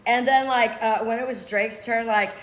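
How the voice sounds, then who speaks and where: A woman's voice: a little high, steady tone, normal speed. A woman vlogger casually retelling a story in a mocking, scornful way, with many restarts and filler words. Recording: roomy echo.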